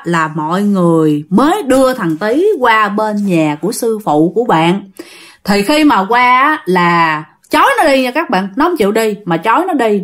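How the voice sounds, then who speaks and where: A woman with a Southern Vietnamese accent telling a ghost story, talking straight to her listeners. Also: mid-range voice. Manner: animated, addresses listeners directly.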